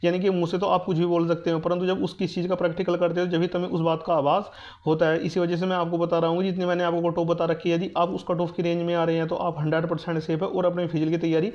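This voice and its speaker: A man with a high voice speaks quickly in a completely flat delivery. He runs a YouTube channel on exam news and guidance, and here he gives students a relaxed exam update, restating points to reassure and instruct. The recording sounds dull, muffled and lo-fi.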